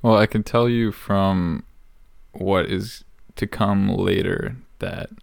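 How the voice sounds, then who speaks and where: A man's voice: deep voice, takes it slowly, vocal fry, dry recording. A man co-hosting a podcast, chatting casually and hedging what he knows. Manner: hedging, relaxed storyteller. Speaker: podcast co-host. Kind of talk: casual chat.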